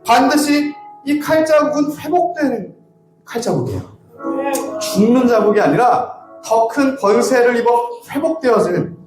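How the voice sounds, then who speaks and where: Man, very high voice, impassioned preacher, echoey sanctuary, instrumental music behind. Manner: impassioned, rising to shouted prayer. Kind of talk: sermon and fervent prayer. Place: church sanctuary.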